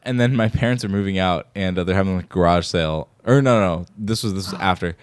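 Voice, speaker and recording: A man's voice: sits low, fast talker, smooth, dry recording. A young man from the American Midwest, co-hosting a podcast and telling a rambling story full of fillers and restarts. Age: young adult. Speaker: podcast co-host. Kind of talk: casual chat.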